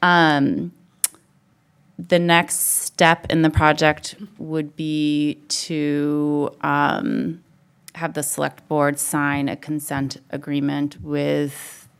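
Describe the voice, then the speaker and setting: Slow, smooth-voiced woman from parks and rec. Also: low voice, monotone. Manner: hesitant, many "um" fillers. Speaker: parks and recreation representative. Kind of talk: public comment at a town board meeting. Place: town meeting room.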